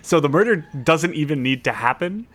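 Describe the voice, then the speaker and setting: A man's voice: a little high, lively intonation, normal speed, fairly bright tone. A man in a casual book discussion who explains the plot eagerly and laughs while talking. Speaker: podcast co-host.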